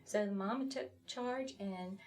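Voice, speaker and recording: A woman's voice: mid-range voice, measured pace. A woman author as a talk-show guest, earnestly recounting a children's story. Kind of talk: interview storytelling.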